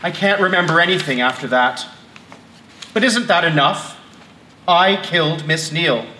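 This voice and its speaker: Man doing a nervous cornered dad, kinda high and bright, stumbles on words, echoey hall. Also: slight background noise. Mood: defensive. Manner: halting, stammering replies. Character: tense, defensive father under questioning. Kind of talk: amateur stage play.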